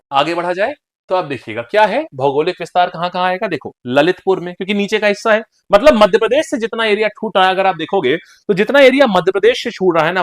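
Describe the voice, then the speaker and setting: Guy teaching a hindi exam class, kinda high voice, really animated, keeps acting out phrases. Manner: animated, addresses students directly, acts out dialect phrases. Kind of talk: exam-prep lecture in Hindi.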